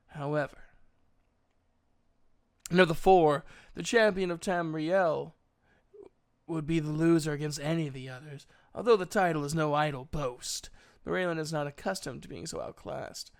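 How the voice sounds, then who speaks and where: A man reads a storybook, voicing a proud elf mage who is a gruff but kindly mentor. His speech is emphatic and old-fashioned, lightly acted, and fairly high in pitch.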